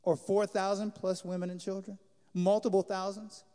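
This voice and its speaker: A man preaching a sermon as pastor, animated, acting out the lines he quotes. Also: high voice, normal speed, clear, resonant tone. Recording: reverberant hall.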